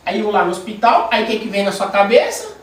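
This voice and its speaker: A man's voice: sits high, expressive, a little fast. A man leading a small church cell group, giving an informal sermon with a personal testimony, telling it animatedly with frequent fillers and restarts. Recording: echoey room, distant mic, faint noise.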